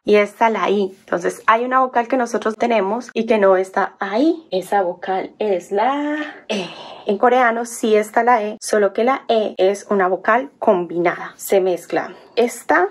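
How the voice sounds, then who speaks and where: A woman teaching an alphabet, spelling out syllables one by one in a patient, explaining way. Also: medium pitch. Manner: patient, spelling out sounds slowly. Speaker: language teacher. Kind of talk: explaining on a whiteboard.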